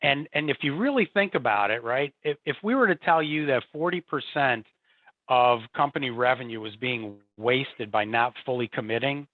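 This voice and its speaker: An expressive man of medium pitch talks at a moderate pace as an interview guest who works as a support and field services executive. Conversational in tone, he repeats words and often says "you know" and "right?", all captured on dry, tinny remote call audio.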